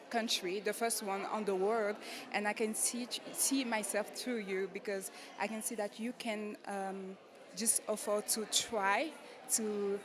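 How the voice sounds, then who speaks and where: Woman, mid-pitched voice, halting answers, crowd noise behind. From Senegal. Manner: hesitant, searching for words with many fillers. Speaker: beauty pageant contestant. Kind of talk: media interview answers.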